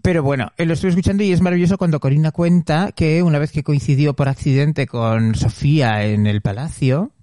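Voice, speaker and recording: A man with a slightly high voice chats gossipily on a podcast. He is eager and theatrical, savoring every anecdote. The sound is close and dry. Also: a little fast, hardly any pauses, mellow, no echo. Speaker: podcast co-host. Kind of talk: casual chat.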